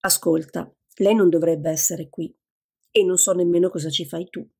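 A woman with a gravelly, husky voice voicing an agitated, impatient young woman in an audiobook. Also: lowish voice, fairly even intonation, normal speed. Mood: exasperated. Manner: sharp, impatient.

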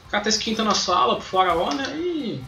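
A young Brazilian man chats through a game stream in slangy, sweary rambles. His voice sits high and moves up and down a lot, in a roomy space with faint game music behind it. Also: very animated, quick pace, vocal fry, bright, forceful tone. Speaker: gaming live streamer. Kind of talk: casual live game commentary.

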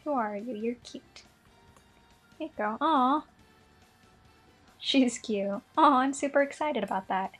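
A young woman chatting through her game pulls in a bubbly, gushing way, giggling and apologizing as she goes. Her voice sits a little high, and she sounds a bit under the weather. Soft game music plays faintly behind her. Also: slow, long pauses, low-quality recording. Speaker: gaming vlogger. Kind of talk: casual gacha pull commentary.

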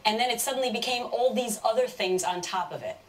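A woman hosting a TV morning show, presenting and questioning a guest in a brisk, probing way. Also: on the high side, distant mic, low-quality recording. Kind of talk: live TV news interview.

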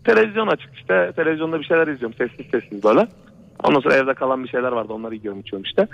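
Calling in to a radio show, a man tells a true horror story very fast, rambling and repeating himself as he keeps circling back to "he said" and "brother." His mid-range voice is creaky with lively intonation, heard through a dull, lo-fi radio broadcast.

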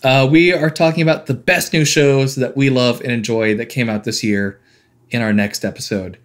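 Podcast co-host, male, mid-pitched, wry and opinionated. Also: fairly even intonation, moderate pace. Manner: wry, opinionated, laughing asides. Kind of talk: casual chat.

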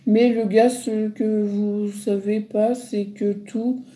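A woman's voice: mid-range voice, flat delivery, takes it slowly, dark tone. A middle-aged woman chatting casually on a phone livestream, answering viewers with lots of hesitant fillers. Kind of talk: casual live chat reading comments.

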